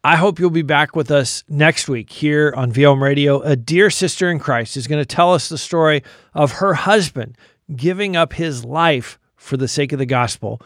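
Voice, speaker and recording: A man's voice: fairly high pitch, normal speed, fairly bright tone, no room sound, studio quality. An American man hosting a radio program, reading a scripted sign-off in an earnest, polished way. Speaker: radio host.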